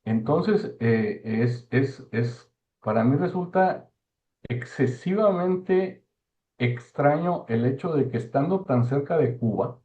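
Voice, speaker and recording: A man giving an informal talk, halting and repeating words for emphasis. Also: medium pitch, animated, mellow. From Mexico. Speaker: speaker giving a talk on postal history. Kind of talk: informal lecture discussion. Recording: thin phone-like online call audio.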